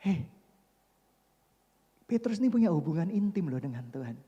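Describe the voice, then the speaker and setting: Man preaching with swings from loud to hushed, in a long-reverb hall. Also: fairly high pitch, big pitch swings, moderate pace, slightly rough, dull audio. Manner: dramatic swings from loud emphatic preaching to soft hushed asides; jokes and mimics people mid-sermon. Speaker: pastor. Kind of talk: sermon.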